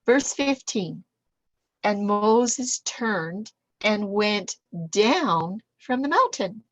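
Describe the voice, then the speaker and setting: A woman teaching a Bible lesson to a small group, reading scripture aloud with lively emphasis. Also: mid-range voice, extremely slow, dry recording, low-quality recording.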